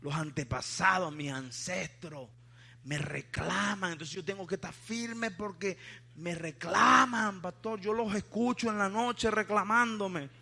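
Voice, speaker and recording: A man's voice: high-pitched, unhurried, creaky, bright, forceful tone, heavily acted. A man voicing a gloomy churchgoer convinced he carries a family curse, whining and stammering in a Venezuelan accent. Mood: plaintive.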